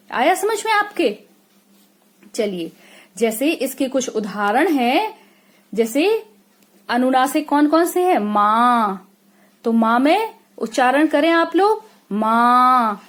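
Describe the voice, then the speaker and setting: Slow-speaking Indian woman teacher. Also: sits high. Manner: slow and drawn out, checking in with frequent "okay?"; stretches out sample words for children to repeat. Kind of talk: classroom lesson explanation.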